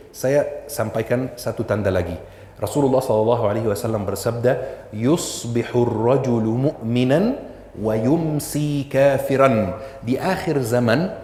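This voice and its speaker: A man preaching a sermon to women in a mosque, speaking rhetorically, reciting Arabic sayings slowly and then translating them, with emphatic high-pitched outbursts. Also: darkish tone, a little hiss or hum. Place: mid-sized mosque. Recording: echoey mosque hall with faint ambience.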